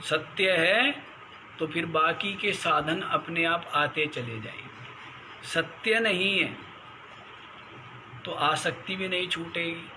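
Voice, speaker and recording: A man's voice: fairly high pitch, takes it slowly, pauses often, noisy background. A man, a swami, giving a spiritual discourse on scripture. He chants Sanskrit verses and keeps asking his listeners questions. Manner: asks the listeners rhetorical questions; scolding, mocking tone. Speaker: swami teaching the Gita.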